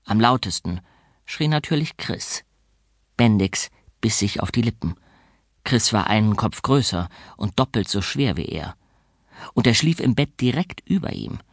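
Lively male audiobook narrator. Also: fairly low pitch, unhurried, no echo, clean studio sound. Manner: expressive, lively storytelling. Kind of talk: scripted storytelling narration.

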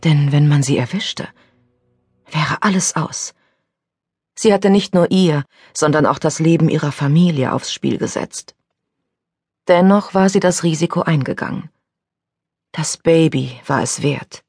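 Woman narrating an audiobook, slow measured reading, husky gravelly tone, dry close sound. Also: deep voice, darkish tone, no room sound. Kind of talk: scripted narration.

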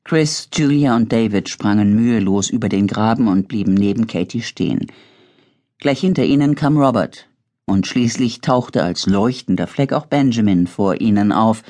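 A woman narrating an audiobook in a dramatic, expressive reading. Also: extremely low pitch, normal speed.

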